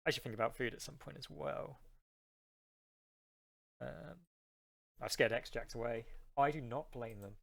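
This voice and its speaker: A man's voice: mid-range voice, unhurried, gravelly, long pauses. A man streaming a card game live, chatting casually with his viewers and rambling between plays.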